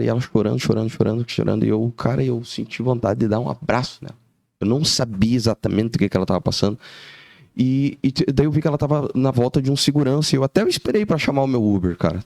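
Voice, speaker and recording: A man, hosting a podcast, telling an emotional story in casual talk with halting restarts and fillers. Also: mid-range voice, gravelly, a little mellow, no echo.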